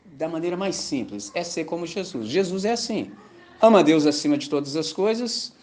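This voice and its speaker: Man, preacher, colloquial sermon, animated pitch, jokey and chatty. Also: moderate pace. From Brazil. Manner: colloquial, jokey, keeps asking "entendeu?". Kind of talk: informal sermon. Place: mission gathering.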